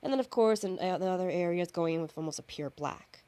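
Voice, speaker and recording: A makeup artist narrates her own face-paint tutorial, recorded on camera and phone, chatting informally with frequent self-corrections and fillers. Her lowish voice is mellow, clear and resonant, and she speaks quickly.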